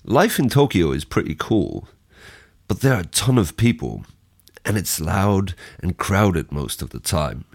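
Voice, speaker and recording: A man's voice: deep voice, big pitch swings, a little slow, creaky, slightly rough. A young man giving a scripted first-person description of his home for a listening exercise, read steadily.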